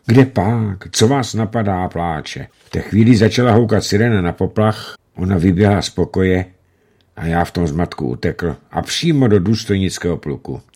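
A man reading a novel aloud in a calm, measured storytelling manner, voicing a letter and the narration around it. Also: sits low.

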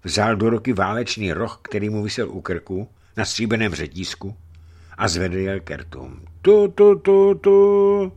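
A man narrating a historical adventure story in an expressive reading style. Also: deep voice, breathy edge.

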